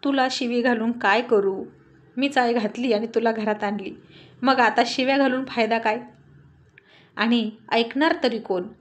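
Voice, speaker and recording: Teasing young husband in a storybook, bit high, sulky jokes, lady reading him out. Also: fairly even intonation, a little slow, natural voice. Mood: sulky joking.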